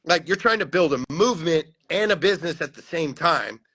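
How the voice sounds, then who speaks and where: Intense, swearing man, bright voice. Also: a little high, expressive, brisk. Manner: intense, heavily profane, emphatic. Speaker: podcast co-host. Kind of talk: casual chat.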